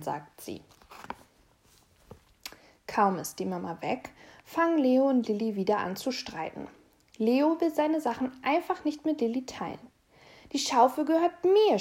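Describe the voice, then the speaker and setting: A woman reading a children's storybook aloud, in a lively, expressive way. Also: on the high side. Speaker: storybook reader.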